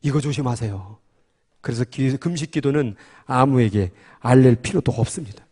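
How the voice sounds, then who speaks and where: A man's voice: medium pitch, normal speed, dark tone, husky. A man preaching a sermon as pastor, fervent and emphatic, with filler-laden passionate delivery. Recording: long hall reverb.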